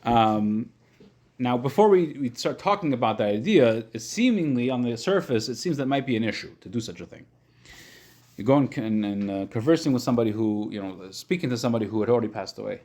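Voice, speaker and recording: A man teaching an informal religious class as a rabbi, reading texts and explaining them step by step, often rephrasing as he goes, in a slightly husky voice. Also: mid-range voice, lively intonation, darkish tone. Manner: explanatory, repeats and rephrases points, halting at times.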